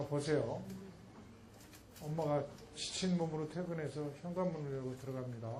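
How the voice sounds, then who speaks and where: A man giving a public lecture in an animated way, acting out a mother and child when he quotes them. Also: on the high side, a little hiss or hum, rough recording.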